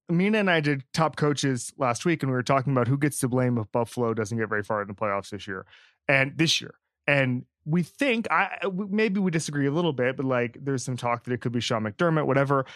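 Male podcast host, mid-pitched, casual sports talk, rambles with restarts, close dry mic. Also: a bit bright, no room sound. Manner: rambling, frequent restarts and asides.

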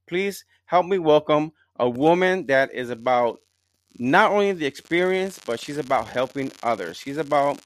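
A man's voice: on the high side, animated, normal speed. A middle-aged man hosting a podcast, introducing his guest in a loose, repetitive way. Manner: rambling, repeats himself. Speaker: podcast host. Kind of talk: casual interview.

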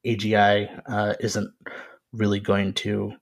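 A man's voice: on the low side, completely flat delivery, slow. A man as an interview guest, speaking thoughtfully and restarting phrases as he works out his ideas. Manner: thoughtful, restarts while thinking aloud. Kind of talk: casual interview talk.

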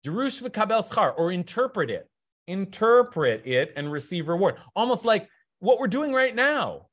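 A man teaching a recorded Talmud class, animated and incredulous, thinking aloud with frequent restarts. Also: high-pitched, moderate pace.

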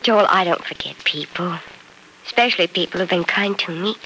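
An actress playing an anxious, hopeful young woman patient in a 1940s radio drama, speaking softly and earnestly. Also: fairly low pitch, fairly quick, slight background noise, poor audio. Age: young adult. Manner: soft, earnest, nervous.

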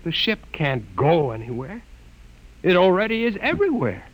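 Proud young scientist. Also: male voice, a little high, wildly swooping pitch, moderate pace, slightly rough, exaggerated voice, low-quality recording. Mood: earnest. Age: young adult. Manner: earnest, indignant, often alarmed. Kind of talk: 1950s radio drama acting.

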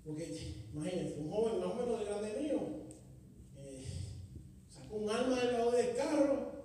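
A man preaching a sermon testimony in a church, swinging from loud exhortation to hushed storytelling. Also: high voice, lively intonation, moderate pace, slight background noise. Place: church sanctuary. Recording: echoey hall, distant mic.

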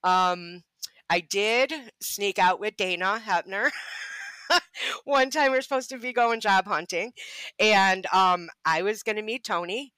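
A woman's voice: mid-range voice, unhurried, bright, forceful tone, clear, resonant tone, no room sound, poor audio. A woman guest on a podcast, telling her life story candidly, with swearing and frequent laughs. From Ohio. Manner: candid and profane, laughs often.

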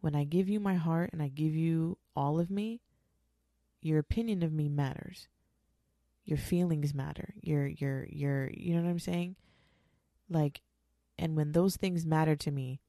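A woman's voice: deep voice, measured pace, dark tone, no room sound, clean studio sound. A woman in her twenties, a mother speaking candidly and bluntly, swearing freely and hammering her points home. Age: 20s. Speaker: mother talking about her show. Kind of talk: candid monologue.

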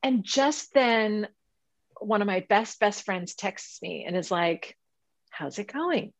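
A woman's voice: mid-range voice, slow pace, no room sound. A woman in casual conversation, telling a story with animation, laughing mid-sentence and acting out the people in it. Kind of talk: casual chat.

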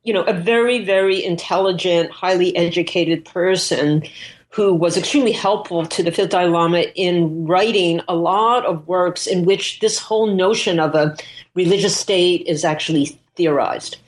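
A woman's voice: fairly low pitch, moderate pace. A woman speaking as an interviewed scholar, explaining her subject off the cuff and thinking aloud, often correcting herself as she goes.

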